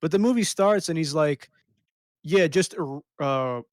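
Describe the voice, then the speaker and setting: A man jumps into a movie discussion, stopping and starting as his thoughts run ahead of him. His voice sits a little high, and the sound is dry and close. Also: expressive, dry recording. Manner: halting, restarts often, fast-talking. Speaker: podcast co-host. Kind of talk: casual movie-review chat.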